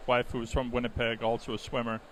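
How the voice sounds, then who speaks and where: A middle-aged Danish man, a native speaker, commentates live on swimming with a medium-pitched voice and fast delivery. He explains things conversationally with some hesitation, over steady, clear venue noise from the swim meet.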